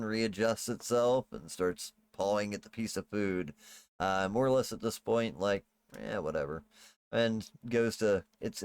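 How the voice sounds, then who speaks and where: Low-voiced man narrating a tabletop game. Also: no room sound. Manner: casual, halting, informal. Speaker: game master.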